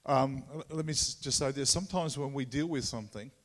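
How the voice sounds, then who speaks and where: A man with a Tasmanian Australian accent gives an informal sermon as a visiting preacher, halting and conversational, often repeating his words. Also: medium pitch. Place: large room or hall, speaking to a congregation. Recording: echoey hall with long reverb.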